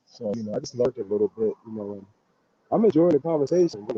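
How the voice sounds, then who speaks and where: A man calling into a live stream panel from outdoors. His voice comes through muffled and low, as if through a wall, and he talks in a halting way full of fillers. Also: lively intonation, dark tone, a little hiss or hum. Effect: muffled and low, as if heard through a wall. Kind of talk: casual chat. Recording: dull muffled Bluetooth mic.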